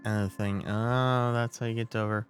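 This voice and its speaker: A man's voice: on the low side, steady tone, normal speed, soft background music. A man streaming a video game with casual, murmured commentary.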